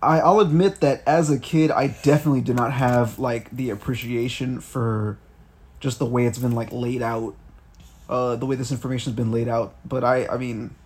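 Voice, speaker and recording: Husky-voiced man in casual chat. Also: mid-range voice, fairly even intonation, moderate pace, a little mellow. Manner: informal, slangy, swearing. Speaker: podcast co-host. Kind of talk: casual chat, reading and commenting on news items.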